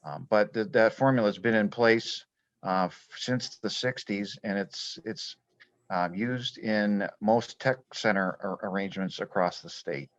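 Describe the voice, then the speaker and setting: Man, lowish voice, halting explanation, school official at board meeting, dull lo-fi recording. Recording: dull, lo-fi sound in echoey room.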